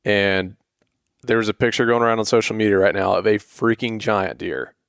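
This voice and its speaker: Male podcast co-host from Atlanta, lowish voice, joking banter, dry close mic. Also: moderate pace, a bit bright, clean tone, no room sound. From Atlanta, USA. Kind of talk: casual chat.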